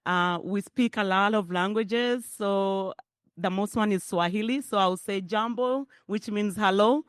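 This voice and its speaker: A middle-aged Ugandan woman gives a keynote in a chatty, conversational way. Her voice is smooth and clear. The sound is dry and close. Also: medium pitch, measured pace, no echo. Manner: warm, conversational, laughs often. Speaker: keynote speaker. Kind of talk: public speech.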